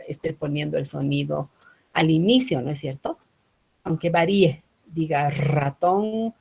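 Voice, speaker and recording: A woman's voice: on the low side, vocal fry, darkish tone, husky, rough recording. A woman teaching a phonology class, explaining patiently with many "¿no?" tags and fillers. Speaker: linguistics teacher. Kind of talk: online phonology lecture.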